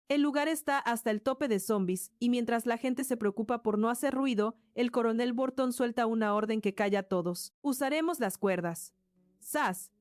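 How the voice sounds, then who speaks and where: High, dry-voiced woman narrating a story. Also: a little mellow, no echo. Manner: dramatic storytelling with spoken sound effects. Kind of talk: scripted narration.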